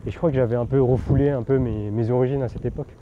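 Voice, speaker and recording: A French-born vlogger rides a bike outdoors and talks candidly in a rapid-fire, steady, mid-range voice. His casual monologue rambles with lots of fillers and restarts, and the outdoor recording is dull with background noise.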